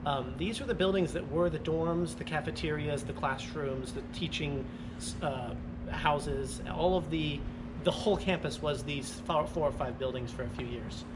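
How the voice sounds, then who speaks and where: A man's voice: fairly high pitch, moderate pace, heavy background noise. A man co-guiding a campus tour, explaining things in a casual, informative way. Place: outdoors on a campus.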